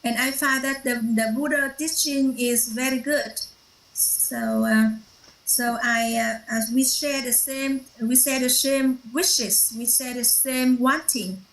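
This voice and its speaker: A woman whose first language is Vietnamese shares a personal story at a workshop, halting often with fillers and restarts. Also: sits high, steady tone, echoey room, poor audio. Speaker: workshop participant.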